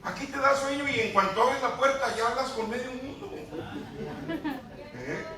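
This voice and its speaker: Impassioned high-voiced preacher in echoey church. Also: male voice, animated, a little slow, a crowd in the background. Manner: impassioned, addresses congregation directly. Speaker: pastor. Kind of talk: Pentecostal sermon. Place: church hall. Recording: echoey church recording from far off.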